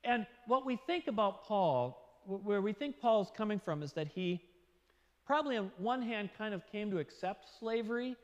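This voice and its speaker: A man's voice: high voice, lively intonation, normal speed, darkish tone, in a large hall, dull audio. A man giving an informal, storytelling sermon as a pastor, acting out quotes in little voices. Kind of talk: conversational sermon.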